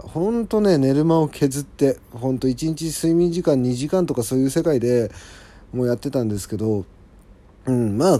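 With a mid-range voice and a dark tone, this solo show host gives listeners a casual personal update. He is polite, apologetic and conversational, frequently dropping in agreeing asides.

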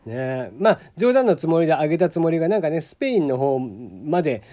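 A man's voice: on the high side, big pitch swings, fairly quick, warm tone. A man from Kagoshima hosting a casual solo podcast, chatty, laughing often and using many fillers. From Kagoshima, Japan. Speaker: podcast host.

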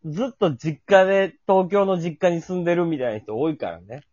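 A man with a fairly high voice and a Kansai accent chats casually. His intonation is lively, and the sound is dry and a little dull. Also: a little fast, no room sound. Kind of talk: casual chat.

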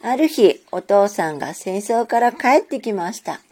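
A woman narrating a children's story in a gentle, measured storytelling manner. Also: mid-range voice, lively intonation.

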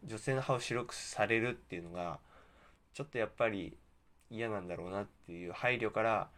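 A man hosting a casual solo radio talk, rambling and correcting himself, with slightly slurred articulation from wearing a mouthguard. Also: fairly low pitch. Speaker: podcast host.

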